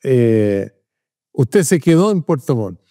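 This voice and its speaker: An older Chilean man hosting a broadcast interview, measured and formal in his presenter delivery. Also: medium pitch, sing-song, dark tone, no room sound, studio quality. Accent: Chilean Spanish. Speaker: interview host.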